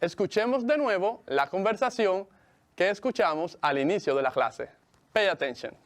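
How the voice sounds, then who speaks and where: A man teaching English in Spanish, speaking slowly and clearly with a Mexican Spanish accent and repeating each word for his students. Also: sits high, animated. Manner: slow, carefully enunciated, repeats words for students. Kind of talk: bilingual televised English lesson.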